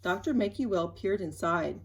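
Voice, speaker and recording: A woman reading a children's storybook aloud, gentle and expressive. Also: on the low side, moderate pace, husky. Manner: expressive, gentle, animated emphasis. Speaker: story reader.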